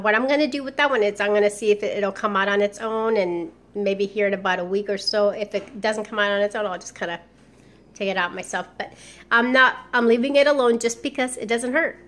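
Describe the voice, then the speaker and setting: A woman speaking through newly fitted dentures in a casual home vlog. She rambles, filling pauses with ums and restarting her sentences. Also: mid-range voice, fairly bright tone. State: wearing dentures. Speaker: vlogger.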